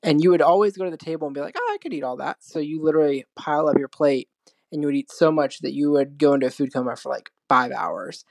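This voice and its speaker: A man's voice: a little high, fairly even intonation, quick pace, creaky, dry recording. A man sharing a family memory in a casual, enthusiastic way. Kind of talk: recorded personal story.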